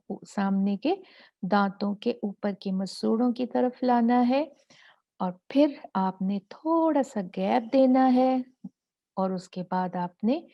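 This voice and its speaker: A woman's voice: medium pitch, muffled recording. A woman teaching a tajweed lesson step by step, patiently asking and answering her own questions and demonstrating sounds.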